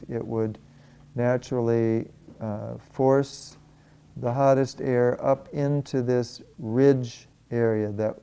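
Older man with a mellow voice, measured. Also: medium pitch, clean tone. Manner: measured, explanatory, pauses to find words. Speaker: organic farmer. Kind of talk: documentary interview.

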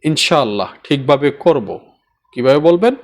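Man slowly teaching phrases by repetition. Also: on the high side, expressive. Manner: slow repetition of phrases, checking in often. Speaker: language teacher. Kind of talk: spoken language lesson.

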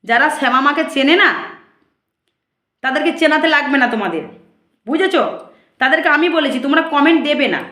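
A high-pitched woman in her thirties, speaking as a temple priestess and answering her critics. She talks in an indignant, questioning way, putting one rhetorical question after another to her viewers. Her voice rings around an echoey room. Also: animated, fairly quick, long pauses, bright, forceful tone. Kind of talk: casual monologue to viewers.

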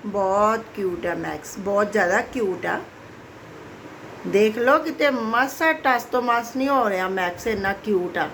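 A woman's voice: medium pitch, lively intonation, measured pace, a bit bright, slight background noise. A woman casually vlogging at home, talking to her pet in a doting, coaxing sing-song way.

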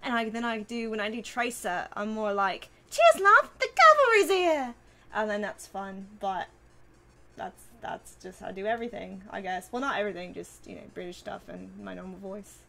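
A woman's voice: mid-range voice, steady tone, normal speed, vocal fry, fairly bright tone. A woman streamer chatting casually with viewers, reading and answering comments in a bubbly way, swearing freely and laughing often.

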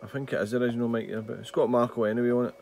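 Racing along in a flat, gravelly, slightly mellow medium-pitched voice, a man casually and somewhat hesitantly demonstrates his radio equipment without a script. The setting is a small indoor radio desk, and CB radio static and hiss make the recording very noisy.

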